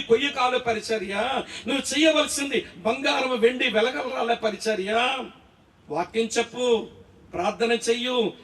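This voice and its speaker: Male preacher, very high voice, distant and roomy in a hall, questioning the congregation. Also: fairly bright tone. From Andhra Pradesh, India. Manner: rhetorical questions, checks the audience is following. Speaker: Bible teacher preaching. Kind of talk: sermon at a pastors' conference. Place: large echoey hall. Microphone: distant from the mic. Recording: echoey hall, voice from far off.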